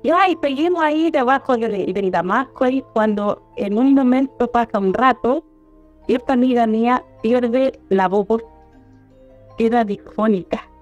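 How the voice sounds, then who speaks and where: A woman with a Chilean accent, her voice sitting a little high, tells a personal story in a halting, rambling way, circling back and restarting words. The audio is muffled and lo-fi, as if through a phone, with faint music underneath. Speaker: storyteller guest. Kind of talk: recounting a personal experience.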